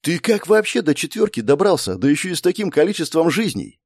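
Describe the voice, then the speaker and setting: A man voicing a brisk, mocking young woman who is a player in a game world, in an audiobook. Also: a little high, big pitch swings, darkish tone, slightly rough, no room sound, studio quality, voice pushed up, exaggerated voice. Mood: teasing, brisk. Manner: snappy, teasing, exclamatory.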